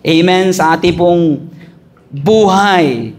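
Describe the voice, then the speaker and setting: A man pastor preaching a conference sermon in a church, jokey and animated, mixing in English phrases and asking "amen?" often. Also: high voice, takes it slowly. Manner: mixes Tagalog with English phrases.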